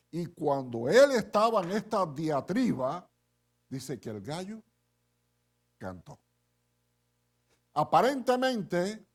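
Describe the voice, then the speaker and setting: A middle-aged man preaching a sermon as pastor. He retells the story in an animated way and often checks in with listeners with a quick "eh?". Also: fairly high pitch.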